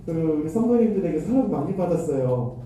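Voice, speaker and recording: A man's voice: sits high, very animated, quick pace, warm tone. A man who is a pastor, telling a self-deprecating story in his sermon. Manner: self-deprecating anecdotal storytelling with acted quotes. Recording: echoey hall, mic far off.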